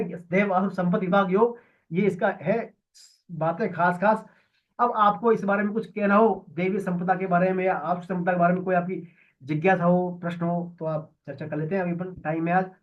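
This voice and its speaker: A man's voice: high voice, muffled recording. A man giving a devotional scripture lesson, explaining and repeating key words for emphasis. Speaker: Gita teacher.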